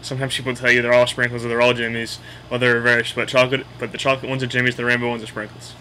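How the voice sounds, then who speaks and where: A man's voice: mid-range voice, level tone, rapid-fire, pushed and bright, a little hiss or hum, rough recording. A man with a Boston accent casually explaining local slang in a blunt, opinionated, sweary way. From Boston area, United States.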